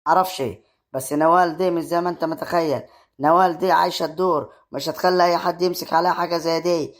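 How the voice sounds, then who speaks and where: A man with an Egyptian accent acting in a comic drama, talking briskly and doubtfully. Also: a little high, fairly even intonation. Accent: Egyptian Arabic. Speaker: lead character and creator of the web series.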